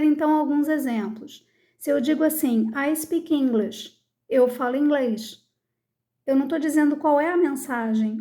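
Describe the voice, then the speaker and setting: A woman's voice: high-pitched, dark tone. A woman teaching English in a video lesson, explaining step by step and checking in with her viewers.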